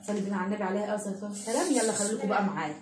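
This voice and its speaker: A woman's voice: mid-range voice, very fast. A woman in her thirties with an Egyptian accent, chatting affectionately to her viewers about home cleaning as a mother and vlogger. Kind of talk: casual chat to viewers. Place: home indoors. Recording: echoey room, distant mic, noisy.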